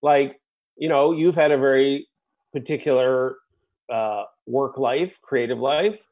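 A guest musician from the United States takes it slowly in a relaxed interview, his medium-pitched voice carrying long, winding, reflective thoughts. He keeps checking in with the host through little asides like "right?" and "you know".

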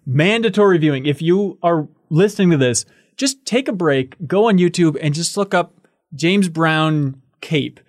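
A man's voice: on the high side, unhurried, no echo, clean studio sound. A man hosting a podcast, chatting casually and playfully about music. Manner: animated, playful, acts out quotes. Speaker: podcast host. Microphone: studio microphone.

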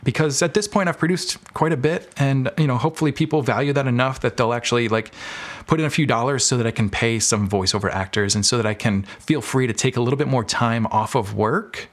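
In a casual interview, a man speaks fast in a mid-range voice. As a podcast guest who makes films and audio dramas, he talks candidly and informally, giving rambling explanations.

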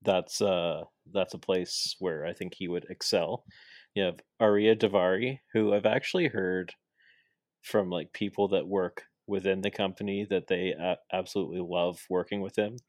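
In a casual podcast chat, the male host rambles along at a moderate pace with many fillers and restarts. His voice is deep with fairly even intonation, and there's no room sound.

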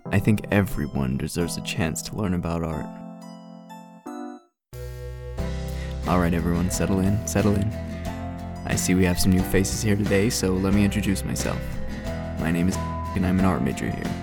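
A man's voice: low-pitched, a little fast, over music. An actor playing a young male art student who teaches, wry, blunt and self-possessed in an audio drama. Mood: composed. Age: young adult.

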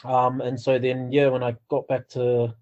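A man's voice: mid-range voice, monotone, moderate pace, darkish tone. A man with a New Zealand accent chatting casually as a podcast guest, laid-back and informal, on a slightly dull, lo-fi recording. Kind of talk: casual chat.

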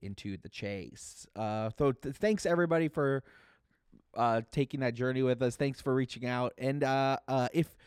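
A man's voice: mid-range voice, moderate pace, darkish tone, clear, resonant tone, no echo, studio quality. A man, co-hosting a music podcast in casual, rambling chat and laughing often. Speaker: podcast co-host.

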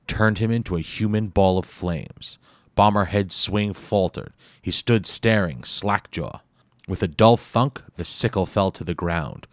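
A man narrating an audiobook chapter in a measured, dramatic reading style. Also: low voice, dry recording.

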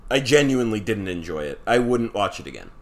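A man's voice: on the low side, big pitch swings, fairly quick. A man co-hosting a podcast in casual chat, talking loosely and swearing offhandedly. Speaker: podcast co-host.

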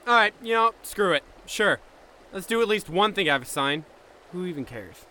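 A man's voice: high-pitched, lively intonation, normal speed, sharp tone, slight background noise, heavily acted. A man playing an exasperated squad corporal who barks orders at his soldiers, in a comedic audio drama. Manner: barking orders, impatient.

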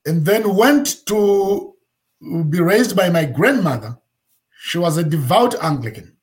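Zimbabwe-born pastor in his fifties, slightly high voice, halting storyteller with many fillers. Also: animated. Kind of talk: interview storytelling.

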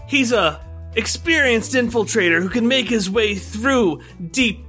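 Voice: mid-range voice, sharp tone, husky, full character voice. A player voicing a boastful cowboy agent who introduces himself in a grand, showy monologue.

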